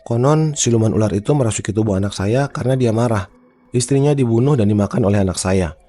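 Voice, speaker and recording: A man's voice: lowish voice, fast talker, mellow, soft background music, natural voice. A man voicing an anxious, earnestly questioning father in a horror story. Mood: worried. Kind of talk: horror story character dialogue.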